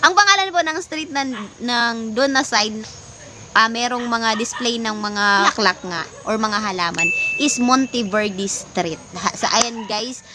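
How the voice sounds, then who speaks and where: A woman's voice: fairly high pitch, a little slow, noisy background. A Filipino woman chatting casually in a home vlog, mixing English into her talk, with lots of fillers. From Philippines. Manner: chatty, mixes English into Tagalog, many fillers, laughs often. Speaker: plant vlogger.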